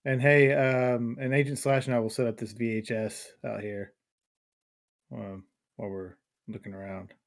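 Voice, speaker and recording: A man's voice: mid-range voice, little pitch movement, normal speed. A man playing a tabletop game, taking charge and planning aloud. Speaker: player. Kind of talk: casual tabletop play.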